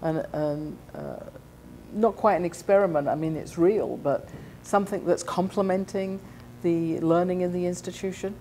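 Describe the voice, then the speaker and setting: A woman interviewing a student, asking questions in a friendly, halting way with many fillers. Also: lowish voice, mellow, a little hiss or hum.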